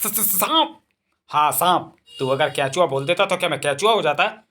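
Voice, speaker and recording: A man's voice: a little high, a little fast, bright, forceful tone. A man voicing a bumbling, cowardly comic hero who panics and complains. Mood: whiny.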